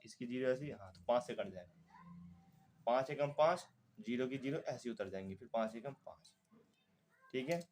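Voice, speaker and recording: A man with a Hindi accent teaching a math lesson step by step, patiently talking through each calculation aloud. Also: mid-range voice.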